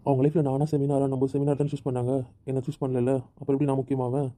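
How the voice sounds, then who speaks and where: A man's voice: medium pitch, level tone, quick pace, warm tone, close to an everyday voice. A man playing a hurt, sulking husband who stubbornly refuses to talk in a family skit. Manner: sulky, repetitive, stubborn.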